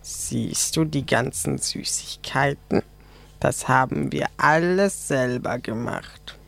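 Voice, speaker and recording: A man voicing a friendly talking pumpkin in a radio play, calm and slow. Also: mid-range voice, gravelly, noisy background.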